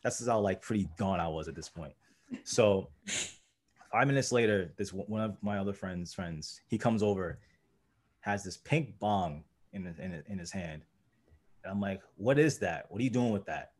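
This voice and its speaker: A man's voice: low voice, moderate pace, darkish tone. A young man, a guest, telling a story casually and filling his talk with "like" and "you know". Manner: rambling, heavy use of "like" and "you know".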